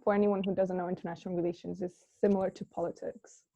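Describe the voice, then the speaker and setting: A young woman, a university student abroad, giving a brisk informative introduction on a video call. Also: on the low side, level tone, vocal fry, dark tone, no echo. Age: young adult. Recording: dull dry lo-fi call audio.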